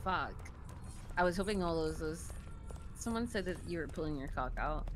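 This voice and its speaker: A woman guest chatting casually while gaming, giggly and quick to apologize. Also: low-pitched, lively intonation, over music. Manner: apologetic, giggly, slow-paced. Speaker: streamer guest.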